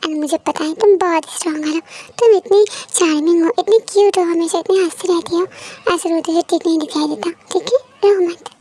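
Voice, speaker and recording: A woman voicing a caring female friend gently encouraging the bride. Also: extremely high pitch, steady tone, fairly quick. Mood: gentle.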